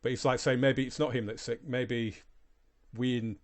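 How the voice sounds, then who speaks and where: A man's voice: medium pitch, flat delivery, moderate pace. A man hosting a reaction video, thinking aloud in casual commentary, often stumbling and repeating words.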